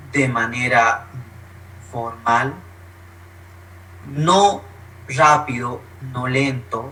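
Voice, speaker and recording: A man's voice: sharp tone, far from the mic, a little hiss or hum, rough recording. A man giving an online workshop lesson, explaining points step by step and acting out short spoken examples. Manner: instructive, uses spoken examples, varies pitch for emphasis. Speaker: workshop presenter.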